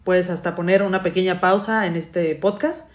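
A woman's voice: on the low side, normal speed. A woman hosting a self-help podcast, talking in a chatty way and asking her listeners many questions. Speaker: podcast host. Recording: echoey room.

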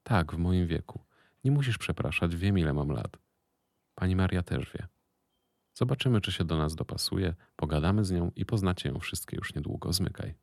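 A man's voice: sits low, expressive, moderate pace, creaky, a little mellow, dry recording, clean studio sound. A man voicing a middle-aged woman who runs a business and worries about her son, speaking firmly and guardedly. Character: middle-aged woman boss, anxious protective mother.

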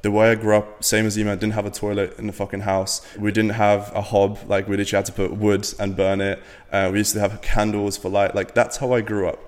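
A man's voice: lowish voice, level tone, quick pace, few pauses, in a large hall. A young man from Latvia, a podcast guest, chatting casually in a rambling way with lots of fillers and the odd swear word. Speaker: podcast guest, business owner.

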